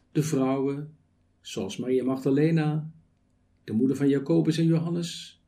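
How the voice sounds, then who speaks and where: A man preaching a sermon with a fairly high, mellow voice that rises and falls with a lot of movement. He speaks very slowly and deliberately, stacking rhetorical questions and measured lists.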